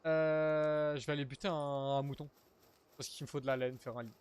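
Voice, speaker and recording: A young man streams a survival game, chatting casually with viewers and swearing now and then as he plays. His voice is on the high side, darkish and clean, with fairly even intonation and a moderate pace. It's casual live gameplay commentary from a gaming streamer.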